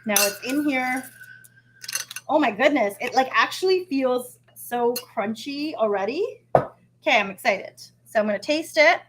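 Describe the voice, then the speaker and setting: A woman's voice: sits high, animated, unhurried, background noise. A woman from Canada hosting a live cooking stream, chatty and upbeat with lots of fillers and restarts. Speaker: host of a live cooking show. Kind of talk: casual live-stream chat.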